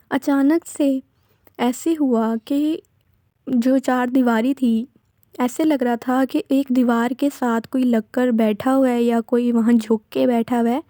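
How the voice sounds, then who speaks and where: Woman calmly narrating a horror story. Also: fairly high pitch, no echo, studio quality. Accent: Pakistani Urdu. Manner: retelling a brother's account, slipping between third and first person; unhurried, rambling spoken narration with self-corrections.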